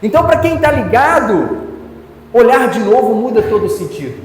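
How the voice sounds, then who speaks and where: A man's voice: extremely high pitch, big pitch swings, normal speed, a little hiss or hum. A man with a Brazilian Portuguese accent preaching a sermon as pastor, with an emphatic, repetitive cadence. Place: church hall. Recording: echoey church hall, soft music.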